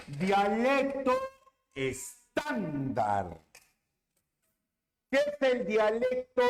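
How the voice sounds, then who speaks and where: A man with a fairly high voice teaches a classroom language lesson. He talks slowly and swings his pitch widely. He repeats key terms with drawn-out stress and keeps asking the class if they follow. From Peru. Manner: repeats key terms, asks rhetorical checks. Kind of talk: classroom lecture on linguistics.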